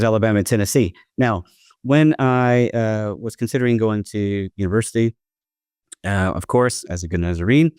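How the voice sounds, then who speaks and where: A man's voice: on the low side, darkish tone, smooth, no room sound, clean studio sound. A middle-aged man from the southern United States, a college principal talking as a podcast guest in an earnest, conversational way. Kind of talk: podcast interview.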